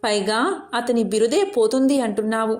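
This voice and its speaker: A woman's voice: fairly high pitch, expressive, moderate pace, a little mellow, lightly acted. A woman voicing a wise, teasing male sage in a devotional story, coaxing and cautioning.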